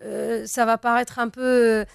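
A young woman from Tunisia, a native Arabic speaker, talks through an interview as a singer, pausing often and restarting her sentences. Her voice is smooth and resonant, recorded close and dry. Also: a little high, little pitch movement, dry recording. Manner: hesitant, many fillers and restarts. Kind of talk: interview conversation.

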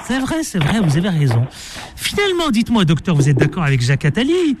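Male radio host, high pitch, playful banter, quick asides. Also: huge pitch swings, very noisy. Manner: joking, quick interjections, playful mock accent. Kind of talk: casual on-air banter.

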